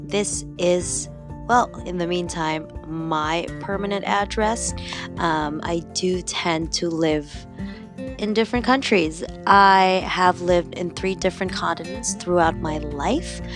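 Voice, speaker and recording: A young Filipino woman with a slight accent hosts her own podcast, chatting casually and upbeat on her own. Her voice sits on the low side and moves slowly, with music playing underneath.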